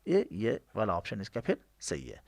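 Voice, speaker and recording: A man from India teaching an exam-prep lesson, with a gravelly, fry-touched voice and a lively, swinging pitch. He works through each answer option and asks rhetorical questions. He drops English terms into his explanations.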